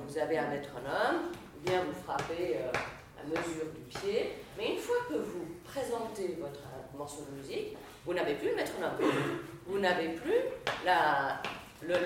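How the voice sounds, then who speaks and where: A woman's voice: fairly low pitch, noisy background. Echoey, distant woman teaching a class. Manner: explanatory, frequent hesitations and fillers. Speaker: Latin teacher. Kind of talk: lecture.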